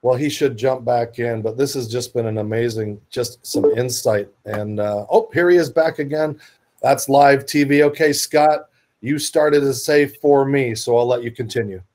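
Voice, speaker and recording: A man's voice: medium pitch, moderate pace, a little mellow. A man hosting an interview, talking in a loose, chatty way. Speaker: host.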